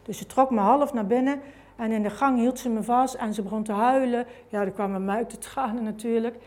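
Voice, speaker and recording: A woman's voice: on the high side, fairly even intonation, a little fast, darkish tone. A woman telling her personal faith testimony in a conversational way, full of fillers and tag questions. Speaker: speaker giving a testimony. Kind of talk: personal testimony told as a story.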